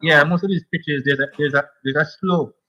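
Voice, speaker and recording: Over a lo-fi phone line, a man phones in to a radio show to talk cricket with eagerness, often saying the same things again. His voice is on the high side, pushed and bright, brisk, with fairly even intonation.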